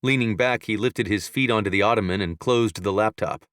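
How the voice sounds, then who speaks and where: A man with a fairly low voice narrates a romance novel, calm and measured. The recording is dry and close, with no room sound. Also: no echo. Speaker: audiobook narrator.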